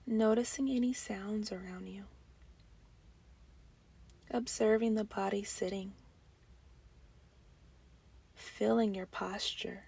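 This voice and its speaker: Long pauses shape this guided breathing meditation, led by a woman at medium pitch with fairly even intonation. Her soothing, breathy words frequently trail off into a near-whisper.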